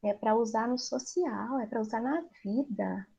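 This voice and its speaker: A woman's voice: a little high, a little slow, creaky, dark tone, husky, highs cut off. A middle-aged woman teacher with a Brazilian Portuguese accent, explaining to parents in a live class and asking rhetorical questions.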